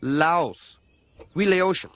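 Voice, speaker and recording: An actor voicing a curt immigrant neighbor with a Laotian accent, speaking clipped, broken English in an animated sitcom. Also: male voice, on the high side, takes it slowly, a little hiss or hum.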